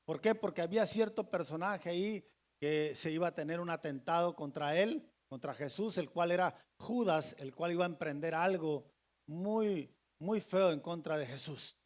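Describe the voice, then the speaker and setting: A man's voice: fairly high pitch, normal speed. A male pastor preaching a sermon, retelling stories and speaking straight to his listeners. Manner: storytelling preacher addressing the congregation directly.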